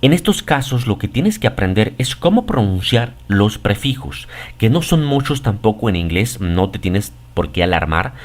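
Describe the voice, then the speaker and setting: A man teaching English pronunciation, explaining patiently and often checking in with the listener. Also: medium pitch. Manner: says English example words slowly and deliberately. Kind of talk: pronunciation lesson.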